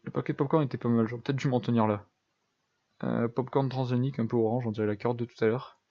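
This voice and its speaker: A man's voice: mid-range voice, steady tone, fast talker, warm tone, muffled recording. A young man giving casual, self-deprecating commentary over a building game, thinking aloud with lots of fillers. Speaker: gaming YouTuber.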